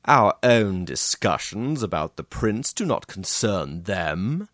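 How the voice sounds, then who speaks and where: A man's voice: fairly low pitch, sing-song, takes it slowly, fairly bright tone, no echo, heavily acted. A male audiobook narrator voicing a calculating, impatient moneylender who sounds dry and dismissive. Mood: scheming. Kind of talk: audiobook character reading.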